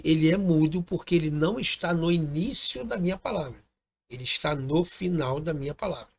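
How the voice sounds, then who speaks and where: A man's voice: fairly high pitch, fairly bright tone. A man teaching a recorded lesson, patiently explaining step by step and often checking in with his listeners. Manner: patient, repeats points, ends phrases with "tá bom?".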